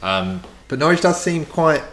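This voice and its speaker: A man's voice: a little high, very animated, moderate pace, fairly bright tone, a little hiss or hum. A man from Essex with an Essex accent, interviewing in a casual, chatty style. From Essex, England. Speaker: interviewer, podcast host. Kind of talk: casual chat.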